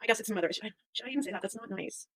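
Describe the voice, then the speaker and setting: A woman's voice: medium pitch, rapid-fire, fairly bright tone, dry recording, studio quality. A woman livestreaming a casual monologue in Valley girl talk, peppered with "like" and swearing. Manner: Valley girl talk, filler "like" and slangy drawl. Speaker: livestream host.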